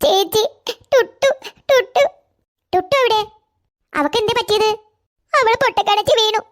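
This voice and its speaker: A woman's voice: extremely high pitch, steady tone, a little fast, a bit bright. A woman voicing a frightened little girl in a cartoon who cries and talks breathlessly. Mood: crying. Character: panicked little girl named Sneha. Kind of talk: cartoon voice acting.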